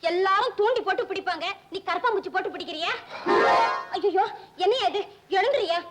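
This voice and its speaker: A woman's voice: very high-pitched, expressive, fairly quick. An actress playing a spirited young woman in an old film comedy, teasing and coaxing her bashful suitor. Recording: old film soundtrack with loud music.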